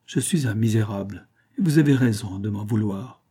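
A man's voice: lowish voice, normal speed, warm tone, breathy edge. A man voicing a sick, self-pitying middle-aged glassmaker who moans and pleads in a plaintive, feverish voice. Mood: pleading. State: feverish and in pain.

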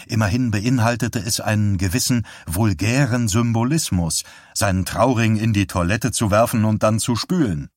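A man narrating a literary audiobook in a measured, even storytelling manner. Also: on the low side, no echo, studio quality.

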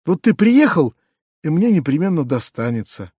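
A man reading as an excitable, flustered kind uncle. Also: on the high side, slightly rough, dry recording, clean studio sound. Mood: gushing. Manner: gushing, hurried, stammering.

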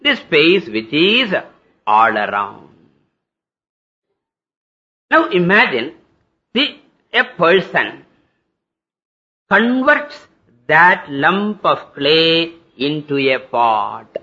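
A man with a South Indian accent giving a spiritual lecture, explaining step by step in a didactic way with rhetorical questions and deliberate repetition. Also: a little high, big pitch swings, sharp tone. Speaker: spiritual teacher. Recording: dull lo-fi lecture recording.

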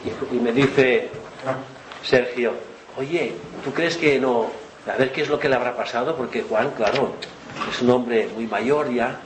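A man's voice: medium pitch, unhurried. Chatty man telling a story in a noisy hall. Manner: chatty anecdote-telling, often laughing. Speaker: event organizer. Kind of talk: storytelling to an audience. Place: lecture hall with audience. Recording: roomy hall with noise.

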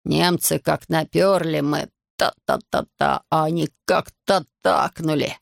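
A man voicing a drunk, boastful, sentimental fisherman, dragging and slurring his words in a gravelly voice. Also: on the high side, steady tone, unhurried, no echo, clean studio sound. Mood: drunk boasting. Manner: slurred, dragging, loud and maudlin.

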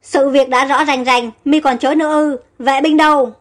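A woman's voice: sits high, fairly even intonation, moderate pace, faint music behind, natural voice. Minosu, a woman voicing a stern young king. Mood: angry. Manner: stern, accusing. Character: young male king, angry and commanding.

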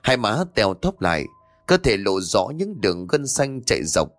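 Male ghost-story narrator, lowish voice, lively pitch, dry close sound, faint music behind. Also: normal speed, no room sound.

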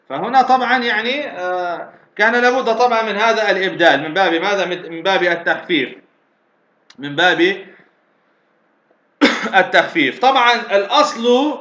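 A man giving a grammar lesson, repeating key words slowly and restarting often. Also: high voice, fairly bright tone. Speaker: teacher. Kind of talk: classroom lecture on grammar. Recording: roomy, dull lo-fi recording.

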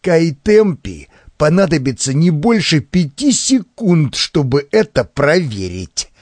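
A man voicing a gruff, bullying male policeman who interrogates a crowd. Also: a little high, sing-song, darkish tone, dry recording, heavily acted. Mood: menacing. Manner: menacing, slow and commanding.

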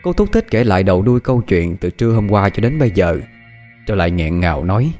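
A man reads a ghost story aloud in a lowish voice. He keeps a steady, even storytelling pace, with faint music playing underneath. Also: fast talker. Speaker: narrator. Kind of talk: ghost story audiobook narration.

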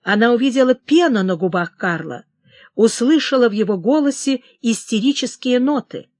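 A woman giving a dramatic, expressive audiobook narration of a historical novel. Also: fairly high pitch, normal speed, no echo, clean studio sound.

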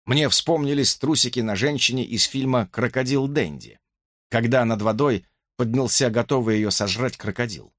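A man reading a first-person audiobook in a lively, expressive storytelling manner. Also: medium pitch, normal speed, hardly any pauses, dry recording, clean studio sound. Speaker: audiobook narrator.

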